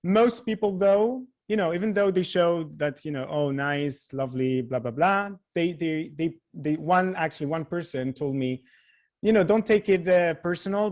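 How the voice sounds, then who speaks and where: A man from Morocco, a tour guide answering questions thoughtfully over a video call, hedging often and restarting his sentences. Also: fairly high pitch. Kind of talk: answering questions in a live online session.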